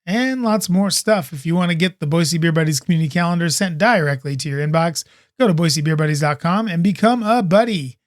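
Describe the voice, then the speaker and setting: A man hosting a laid-back podcast, with a voice pitched slightly higher than most men's. He talks in an upbeat, rambling way, often wandering off into little asides. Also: a little fast, dry recording, studio quality. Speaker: podcast host. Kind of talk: casual chat.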